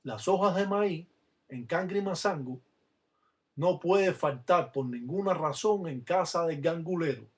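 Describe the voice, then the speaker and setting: A man's voice: a little high, measured pace. Man teaching spiritual practice to a webcam. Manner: instructive, addressing viewers directly, sometimes scornful of other teachers. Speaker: Palo religious teacher. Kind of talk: religious teaching to camera.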